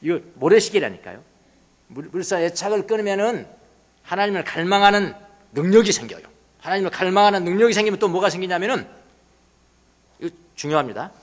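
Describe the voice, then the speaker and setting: A male pastor preaching a sermon in a church, swinging from hushed asides to loud exclamations. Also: high-pitched, expressive, fast, pauses often. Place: church sanctuary. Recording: long reverb of a church hall.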